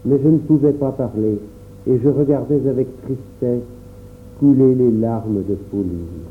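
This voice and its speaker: A man narrating a storybook in a calm, measured first-person reading. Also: medium pitch. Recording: tinny phone-like sound, faint noise.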